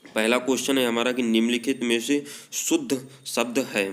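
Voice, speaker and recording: A man's voice: medium pitch, fairly even intonation, normal speed. A man teaching a Hindi spelling lesson for exam practice. He talks with a north Indian Hindi accent, drags out the example words, and leans on the filler "हमारा" again and again.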